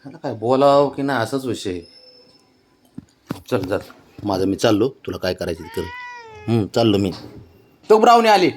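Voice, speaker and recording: A man's voice: lowish voice, normal speed, pauses often, a little mellow, slight background noise. A man chatting casually with his pet cats in a coaxing, teasing way, scolding them playfully. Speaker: pet owner.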